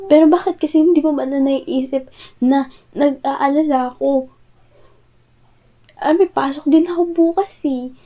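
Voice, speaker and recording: A woman with a Filipino accent playing a hurt, jealous girlfriend in an audio role-play, pleading and halting as she confronts her partner. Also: high voice, steady tone. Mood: stressed, halting. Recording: muffled, phone-like audio.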